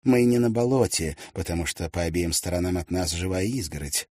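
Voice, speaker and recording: A man voicing a spirited, quick-tongued young woman, lifting his voice high and lively. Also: dry recording, clean studio sound. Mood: excited. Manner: raised, lively, teasing.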